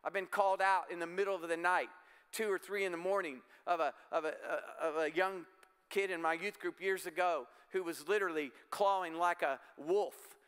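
A middle-aged male pastor delivering an emphatic, exhorting sermon. His voice sits high for a man, bright and crisp, and it rings with the long reverb of a church hall. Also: fairly even intonation, normal speed. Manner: emphatic, exhorting with repeated calls.

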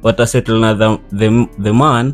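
A young man with a Kenyan accent in casual chat, switching languages and reasoning aloud in short, halting phrases. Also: on the low side, little pitch movement. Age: young adult. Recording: background guitar music behind talk.

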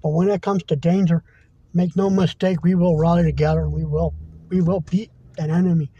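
Male podcaster, high pitch, mellow tone, heated profane rant, dull lo-fi sound. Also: steady tone, fairly quick, a little hiss or hum. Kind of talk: impassioned monologue. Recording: dull lo-fi recording.

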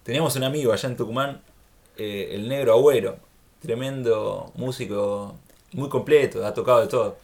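A man with an Argentine accent, hosting a relaxed conversation. He talks in a reflective, unhurried way and laughs often. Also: mid-range voice. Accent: Argentine Spanish. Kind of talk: casual chat.

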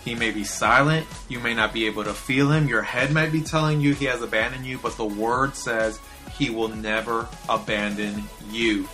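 Earnest man with a bright voice. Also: medium pitch, steady tone, normal speed, hardly any pauses, soft background music. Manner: earnest, confessional, hesitant with fillers. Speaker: host of a daily devotional. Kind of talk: casual spoken devotional.

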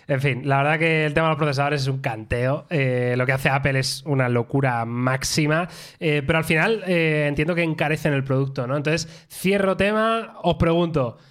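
A man with an accent from Spain hosting a casual tech podcast, colloquial and playful, talking straight to listeners. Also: a little high. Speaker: podcast host.

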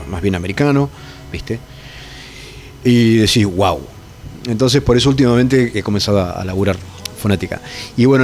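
A man with a Rioplatense Spanish accent, a touring metal musician chatting as an interview guest, rambling through stories with restarts and tag questions. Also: lowish voice. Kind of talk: casual interview chat.

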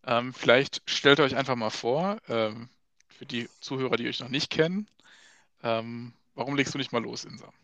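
A young man hosts a casual podcast with a gravelly, fry-tinged voice. He asks loose questions with many fillers. His voice sits dry and close, with no room around it. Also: mid-range voice, normal speed, no room sound. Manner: relaxed, filler-heavy questions. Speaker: podcast host.

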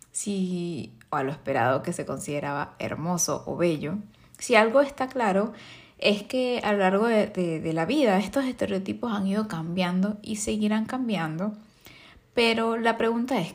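A woman's voice: medium pitch, a little mellow. A young adult woman with a Venezuelan accent, a makeup artist hosting her own podcast and talking casually, with frequent fillers and tag questions. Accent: Venezuelan Spanish.

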